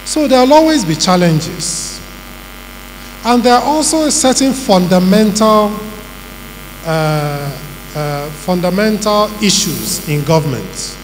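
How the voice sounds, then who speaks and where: A middle-aged man with a Nigerian accent giving a measured, emphatic public talk and listing his points one by one. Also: high-pitched, lively intonation. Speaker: panel speaker on governance. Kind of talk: public talk answering questions. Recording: reverberant hall with faint hum.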